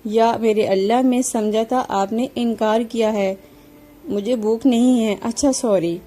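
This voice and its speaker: A woman voicing a young husband who talks plainly and is sometimes sharp. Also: a little high, steady tone, lightly acted. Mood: caring. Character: young husband, loving but stern at times.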